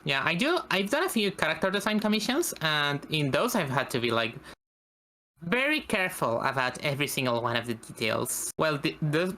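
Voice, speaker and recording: A woman's voice: low-pitched, a bit bright, slight background noise. A woman chatting casually about her drawing work, thoughtful and hedging. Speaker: artist in a group drawing stream. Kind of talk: casual chat.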